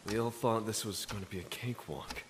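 An actor playing a weary, bitter young soldier in an audio drama, tense and curt. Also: male voice, lowish voice, brisk, lightly acted. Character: weary, bitter young male war veteran. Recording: reverberant room with faint noise.

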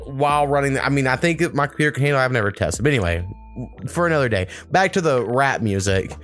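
A man's voice: medium pitch, animated, quick pace, fairly bright tone. A man hosting a music review podcast in casual, profane chat, explaining things in a hesitant, rambling way.

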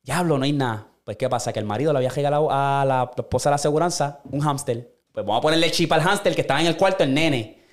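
A man's voice: medium pitch, fast. A man, co-hosting a podcast, telling a story in casual chat and acting out the quoted voices. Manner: animated storyteller, acts out quoted voices, swears a lot. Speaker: podcast co-host.

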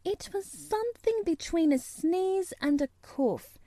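Storybook young girl, done by a woman: high, prim, severe little dignity, dry close sound. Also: lively intonation, unhurried, dark tone, no echo. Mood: prim reproach.

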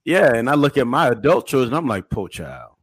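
A man in his forties from Illinois, a pastor hosting a panel talk, telling stories in an animated, emphatic way. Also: medium pitch, a little fast, breathy edge. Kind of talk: casual panel discussion.

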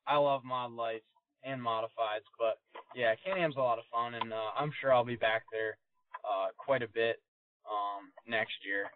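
A man's voice: mid-range voice, fairly even intonation, a little slow. A man, a race car driver guest, chatting casually on a podcast, rambling with lots of fillers and laughs. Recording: muffled lo-fi podcast audio.

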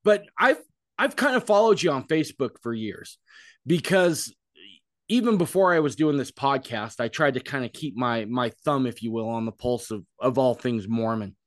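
In a clean, dry studio recording, a man with an expressive mid-range voice hosts a casual podcast interview at a moderate pace. His talk wanders and turns self-deprecating, with words repeated as he gathers his thoughts.

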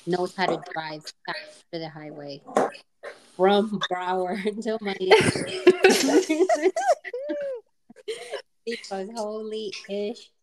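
A woman's voice: mid-range voice, animated, extremely slow, pauses often, heavy background noise. A woman co-hosting a podcast in casual chat, telling stories in a giggly, rambling way. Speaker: podcast co-host.

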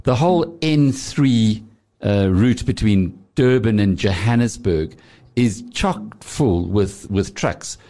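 A man's voice: lowish voice, slow pace, dark tone. A man hosting a business show, asking long conversational leading questions. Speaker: radio show host. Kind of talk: business interview.

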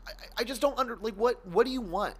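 A man in his thirties with vocal fry, slightly congested from allergies, chatting in an animated, campy, emphatic way as a comedy podcast co-host. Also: very high voice, fast talker, over a noisy crowd. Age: 30s. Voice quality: vocal fry, worse than usual. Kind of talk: casual comedic chat.

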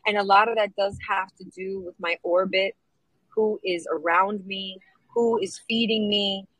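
A middle-aged woman comedian from New York, chatting in an interview, upbeat and lively, dropping Spanish phrases now and then. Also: medium pitch, unhurried, no room sound, rough recording. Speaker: guest, comedian and producer. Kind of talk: casual interview chat.

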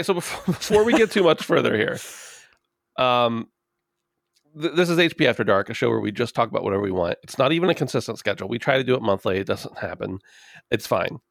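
A man's voice: medium pitch, gravelly, dry recording, studio quality. A man hosting a casual comedy podcast, joking and self-deprecating. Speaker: podcast host.

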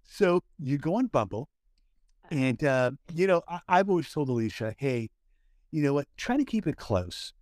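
A man's voice: a little high, sing-song, moderate pace, a little mellow, no echo. Upbeat man co-hosting a chatty podcast. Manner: hyping up his friend, frequent restarts. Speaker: podcast co-host. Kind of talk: casual chat, leading the story.

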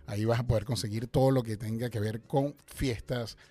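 A man's voice: mid-range voice, steady tone, fairly quick, mellow. A man hosting a sex-talk show who jokes, teases and laughs often with his co-host. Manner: jokey, teasing, laughs often.

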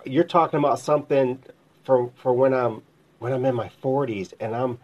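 Hosting a relaxed interview-style conversation about faith, this American man in his fifties asks long, meandering questions. He speaks at normal speed in a mid-range, slightly mellow voice, captured with dull lo-fi audio.

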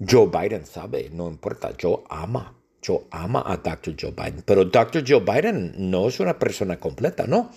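A man improvising an absurd comedy story in a halting, repetitive, deadpan way. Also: on the low side, breathy edge. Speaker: podcast host.

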